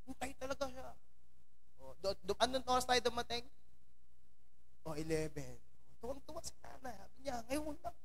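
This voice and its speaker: A man's voice: very high-pitched, animated, normal speed, long pauses, fairly bright tone. A male pastor giving a conversational sermon in a church hall, chatting and teasing congregation members by name as he preaches. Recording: long church hall reverb.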